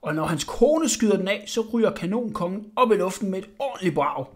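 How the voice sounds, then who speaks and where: A man voicing an eager, know-it-all village boy in a storybook, explaining quickly in a higher voice. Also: animated.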